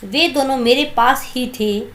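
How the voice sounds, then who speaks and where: A woman reading a calm, wise old male sage from a storybook, in a slow, gentle manner. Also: high voice.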